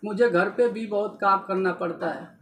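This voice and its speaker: A man's voice: sits high, steady tone, moderate pace, fairly bright tone. A man playing a humble widowed father. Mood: humble, remorseful. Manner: humble, pleading storytelling voice.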